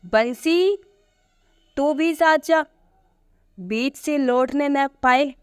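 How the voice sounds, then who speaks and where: A woman's voice: a little high, steady tone, takes it slowly, clean tone, no room sound, studio quality, pitched above the performer's own voice. A woman reading the lines of a stern middle-aged father who gives his son firm orders. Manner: firm, commanding.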